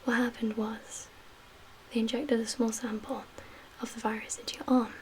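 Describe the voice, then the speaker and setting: A woman plays a calm, guarded medical official at a survivor camp in this ASMR roleplay, her breathy whisper paced with measured pauses. She has a fairly high voice. Audible hiss and ambience run through the background.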